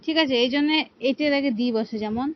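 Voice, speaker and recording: A high-voiced woman patiently teaches English grammar, talking a little fast, asking her students rhetorical questions and repeatedly saying "ঠিক আছে". The highs in the audio are cut off.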